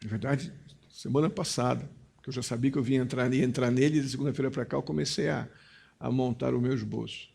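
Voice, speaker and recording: A man with a Brazilian Portuguese accent, a pastor preaching a sermon, stressing key phrases and then dropping to a quiet, confiding tone. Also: mid-range voice, fairly even intonation, fast talker, creaky, husky.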